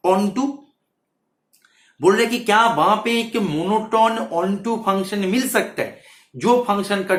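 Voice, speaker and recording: A man's voice: sits high, fairly bright tone. Man teaching maths in an echoey room. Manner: keeps checking in with "see" and "okay", repeats phrases. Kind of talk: exam-prep lecture. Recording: roomy, echoey sound.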